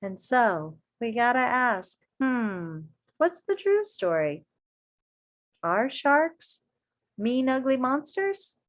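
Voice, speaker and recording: This woman, her voice pitched a little high, reads a kids' story with a teacher's touch from elementary school. She's warm and expressive, stressing words carefully and slipping in comments for the children listening.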